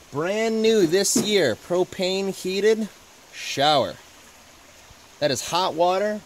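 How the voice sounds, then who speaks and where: A man's voice: on the high side, slight background noise. A young man in his twenties giving a chatty, joking walking tour outdoors in the woods, filmed on a handheld camera at arm's length.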